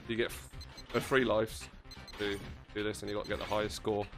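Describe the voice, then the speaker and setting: A man with a lowish voice rambles through a casual game stream, excitable and swearing freely. He talks close to a desk mic. Game music plays steadily behind him. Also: a little fast. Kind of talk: casual livestream commentary while playing.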